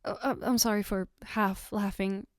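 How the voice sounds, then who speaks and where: In an intimate, one-sided ASMR roleplay, a woman plays a loving girlfriend who reassures, coaxes tenderly, and teases playfully, with soft giggles between phrases. Her medium-pitched voice is steady and lightly acted at normal speed, in a dry, studio-quality recording.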